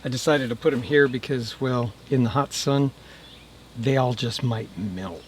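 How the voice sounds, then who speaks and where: This DIY channel host speaks at medium pitch and a moderate pace, with a little hiss or hum in the recording. He chats his way through the project in a relaxed, folksy manner, tossing off wry comments to whoever's watching.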